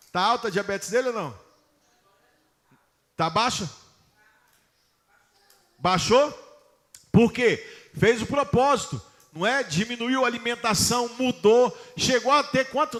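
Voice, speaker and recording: A pastor preaching a sermon to his congregation, putting questions to them emphatically and reading scripture slowly. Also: extremely high pitch, fairly bright tone.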